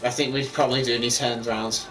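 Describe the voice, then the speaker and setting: A young man playing a co-op game with a friend, answering quickly in casual chat and now and then shouting a curse. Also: mid-range voice, level tone, slight background noise, poor audio. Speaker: gamer.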